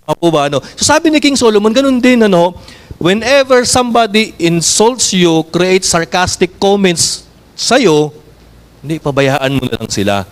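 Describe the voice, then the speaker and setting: A male pastor with a Filipino accent delivers a sermon in a fairly high, very lively voice. He mixes in English, slows right down to read verses aloud, and keeps putting questions to the congregation. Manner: switches between Tagalog and English, reads verses slowly; animated, asks the congregation questions.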